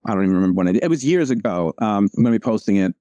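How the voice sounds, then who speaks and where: Over a video call, a man chats casually about his comic strips, rambling, restarting sentences, and using lots of fillers. His lowish voice is mellow and relaxed and races along, while the audio is dry, close, dull, and free of echo.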